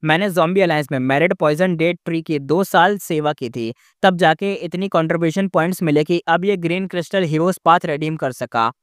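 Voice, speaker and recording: A man's voice: on the high side, fairly quick, few pauses, clean tone, no room sound, clean studio sound, natural voice. A man voicing a proud male zombie immortal in a novel recap, keeping his own conversational voice and stumbling over his words. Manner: plain conversational telling, with restarts and fillers.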